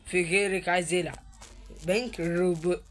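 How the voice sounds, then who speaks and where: A man with an Egyptian Arabic accent doing casual gameplay commentary. He is chatty and excitable, talks straight to his viewers, and repeats words under his breath while he searches. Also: sits high, normal speed, soft background music. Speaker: gaming YouTuber.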